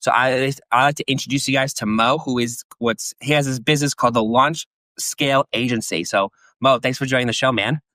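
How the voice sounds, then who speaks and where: A man's voice: medium pitch, fairly even intonation, fairly quick, pushed and bright, dry recording. A man hosting a business podcast, enthusiastic and rambling as he introduces and questions his guest. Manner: enthusiastic, rambling with many "like" fillers. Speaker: podcast host. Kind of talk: casual podcast interview.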